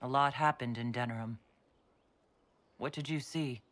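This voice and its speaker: A tall, horned female hero of a fantasy video game. She is composed and speaks plainly and in a measured way. A gentle wryness runs through her lines. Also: rumbling low, fairly even intonation. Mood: calm, curious.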